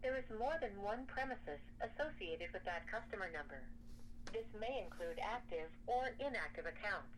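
A woman delivers scripted phone menu prompts at a medium pitch. Her manner is measured and formal, like an automated attendant giving options. The telephone recording carries some faint noise. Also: expressive. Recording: noisy telephone line recording.

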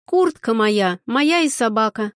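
Женщина-чтец озвучивает упрямую девушку, которая огрызается и возмущается. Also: female voice, on the high side, expressive, a little slow, dry recording, studio quality. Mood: defiant. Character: stubborn young woman, defiant and snappy.

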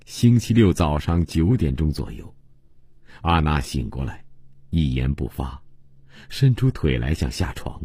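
A man with an extremely deep, breathy-husky voice reads a novel aloud for radio. His delivery is measured and even. The close studio recording is completely dry. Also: no room sound. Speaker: audiobook narrator. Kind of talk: scripted novel narration. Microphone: close studio microphone.

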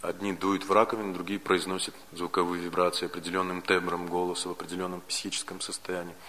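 Guy with a russian accent giving a lecture, lowish bright voice, repeats his points, echoey archive hall recording. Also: monotone, a little hiss or hum. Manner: measured, enumerating points with repetitions. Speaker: lecturer on Vedic philosophy. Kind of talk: spoken lecture.

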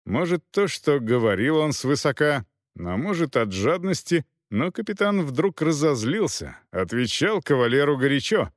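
A man narrating an audiobook in a lively, dramatic reading. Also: a little high, normal speed, dry recording, studio quality.

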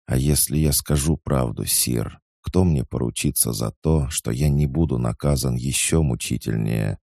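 A man's voice: very deep voice, normal speed, gravelly, warm tone, no room sound, clean studio sound, exaggerated voice. A man reading an audiobook, voicing a frightened, cunning male court poisoner who pleads and evades. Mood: pleading. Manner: pleading, evasive.

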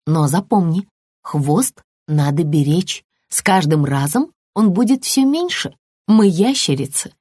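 A woman voicing a caring mother lizard in a storybook, speaking low, slow and soothing. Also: a little mellow, slightly rough, dry recording, clean studio sound, heavily acted.

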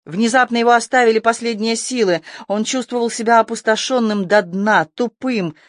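An audiobook narrator reading a tense adventure story with steady, scripted delivery. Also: mid-range voice, moderate pace, no echo, studio quality.

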